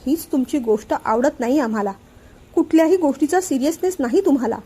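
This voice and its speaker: A woman voicing a worried, protective grown son in a family storybook reading, speaking lower and softer than her narration. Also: animated, fairly quick. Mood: annoyed.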